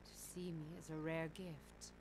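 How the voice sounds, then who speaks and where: An actress playing a gaunt, grieving mystical woman in a video game, speaking in a solemn, deliberate and cryptic manner. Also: sits low, little pitch movement. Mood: solemn, mysterious. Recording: loud music under the voice. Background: game music.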